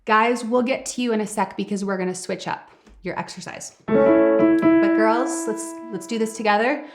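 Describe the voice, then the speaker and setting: A woman's voice: mid-range voice, normal speed, over loud music. A woman vocal coach giving an upbeat, encouraging singing lesson, talking straight to her students and singing short demonstration lines.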